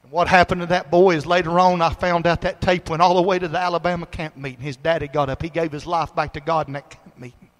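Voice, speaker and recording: A man preaching a sermon as pastor, telling a story in a folksy way and building to shouted praise. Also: a little high, flat delivery, fast talker, few pauses. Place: church sanctuary. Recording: long hall reverb.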